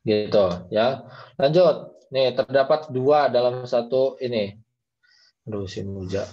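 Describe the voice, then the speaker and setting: A man's voice: mid-range voice, measured pace. Man teaching Quran reading over video call. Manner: patient explaining, models recitation aloud. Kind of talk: online class teaching. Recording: dull lo-fi video call audio.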